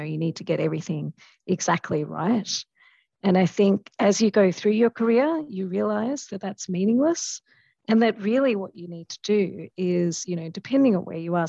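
A hoarse woman, her voice low and gravelly as she loses it, talks things over thoughtfully as a podcast guest. She fills her speech with fillers and restarts. The recording is dry and dull, with a lo-fi sound. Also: warm tone, no echo. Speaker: podcast guest, in-house lawyer. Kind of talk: casual interview conversation.

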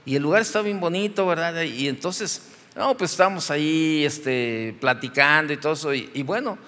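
A man with a Mexican accent, a pastor preaching a sermon in a relaxed, joking, storytelling way. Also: on the high side, normal speed, in a large hall. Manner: conversational, joking storytelling from the pulpit.

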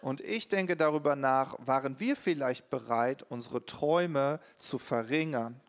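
A man interpreting a sermon live, quick and earnest, with the odd hesitation. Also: mid-range voice.

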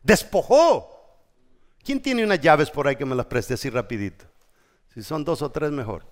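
A man's voice: fairly high pitch, expressive, normal speed. A man preaching a sermon as pastor, emphatic and full of rhetorical questions. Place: church. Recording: echoey church hall.

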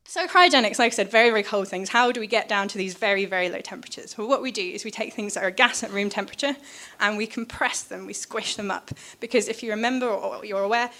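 A female scientist explains physics informally to listeners, chatty and enthusiastic, full of fillers and restarts. Her medium-pitched voice is fast, bright, and forceful, with few pauses.

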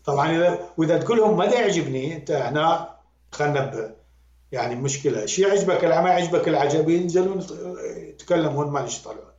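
An Iraqi man who talks quickly and animatedly, his voice sitting a little high. He speaks as a critic who repeats words for emphasis. The recording is roomy and echoey, with a dull, lo-fi sound. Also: darkish tone. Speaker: music critic and guest. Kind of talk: conversational critique.

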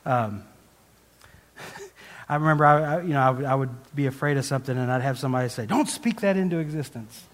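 A man speaking in a mid-range voice at a fairly quick clip gives a conversational sermon as a guest speaker. He rambles through a personal story, poking fun at himself, restarting often and laughing, all within long hall reverb.

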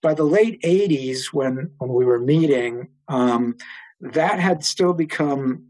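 An older man, an interview guest, telling long stories in a rambling way with many pauses and fillers. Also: a little high, darkish tone, rough recording. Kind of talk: oral history storytelling.

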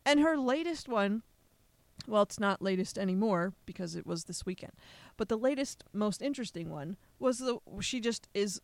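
A woman's voice: medium pitch, lively intonation, normal speed, no echo. A woman hosting a casual podcast, chatty and sarcastic. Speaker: podcast host.

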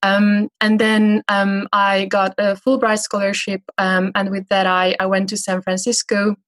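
Woman in her thirties, interview guest, halting delivery with frequent fillers. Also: medium pitch, completely flat delivery, a bit bright. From Hungary. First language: Hungarian. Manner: hesitant, frequent filler sounds. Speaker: guest investment manager. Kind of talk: conversational interview answers.

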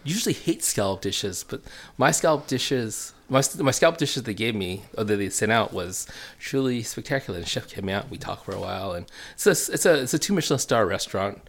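A man chatting casually as an interview guest, telling stories haltingly with repeated words and restarts. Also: lowish voice, animated, gravelly, a bit bright. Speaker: food enthusiast interview guest. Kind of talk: casual storytelling chat. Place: home basement.

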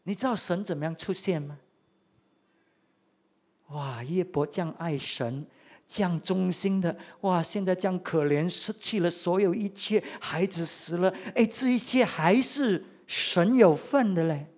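A preacher giving a sermon, retelling a story with many rhetorical questions and swings between loud and quiet. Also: medium pitch, unhurried.

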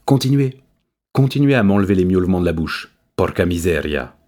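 A man's voice: on the low side, lively intonation, a little fast, mellow, husky. A man voicing a pompous, grumbling old male cat who complains haughtily.

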